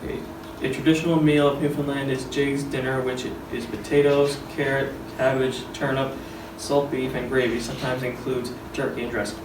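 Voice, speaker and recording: A man reads a class presentation aloud, listing items in a flat monotone. He sounds far from the microphone. A noisy, echoey room surrounds him. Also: medium pitch, moderate pace. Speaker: student presenter.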